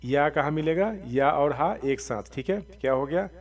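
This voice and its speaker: A man teaching Quran reading, patiently spelling out syllables slowly and then explaining the rules in quick asides. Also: a little high, far from the mic. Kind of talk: recitation lesson, spelling out letters.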